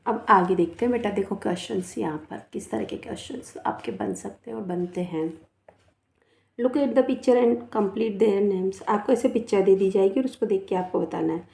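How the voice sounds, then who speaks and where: A woman's voice: mid-range voice, normal speed, gravelly, darkish tone, reverberant. A woman teacher giving a patient phonics lesson, spelling words letter by letter and asking a child to repeat after her. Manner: calls the pupil beta, asks them to repeat after her. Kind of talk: Hindi-language English phonics lesson.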